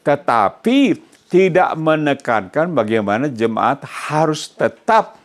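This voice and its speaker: A man's voice: mid-range voice, animated, slow pace. A male pastor preaching a sermon who keeps quizzing his congregation mid-sentence and drops English phrases into his emphatic preaching.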